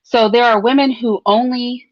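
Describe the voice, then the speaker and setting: Speaking straight to her livestream audience, a woman shares her opinions informally at a moderate pace, using rhetorical tag questions and clearing her throat frequently. Her voice is a little high and steady, and the sound is dull, close, dry, and slightly lo-fi.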